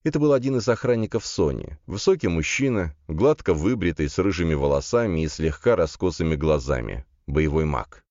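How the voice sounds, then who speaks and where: A man reading a novel in the first person, wry and even in manner. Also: low voice, fairly quick, hardly any pauses, dry recording. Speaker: audiobook narrator. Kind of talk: first-person scripted narration. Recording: dry, slightly dull studio sound.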